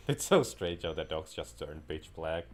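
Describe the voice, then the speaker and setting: A Finnish man with an extremely low, sing-song voice talks at a normal speed while commentating on a game he's playing. His let's-play chatter is casual and rambling, wandering off into tangents and restarting sentences.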